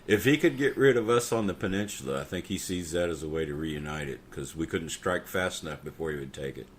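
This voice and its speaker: A middle-aged man with a very low, deep voice, talking bluntly and swearing freely as he vents in a casual podcast chat. A faint hum of background noise sits under his voice. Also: fairly quick. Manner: blunt, profane, bitter. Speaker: podcast co-host. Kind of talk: casual political rant.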